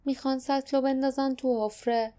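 A woman voicing an anxious young kitchen worker who speaks in a low, fearful hush. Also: steady tone, faint music behind, close to an everyday voice. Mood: hushed worry.

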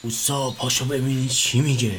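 Cheeky apprentice snake catcher, played by a man, mid-pitched, teasing banter, faint noise behind, audio drama. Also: little pitch movement, a bit bright, lightly acted.

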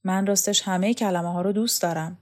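A woman voicing an earnest, thoughtful young man in an audiobook, soft-spoken. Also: mid-range voice, fairly even intonation, natural voice. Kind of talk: audiobook character voice.

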